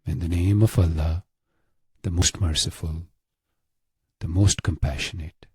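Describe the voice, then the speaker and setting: A man narrating a guided meditation in a hushed, measured way with long pauses. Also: low-pitched, steady tone, breathy edge, no echo, studio quality.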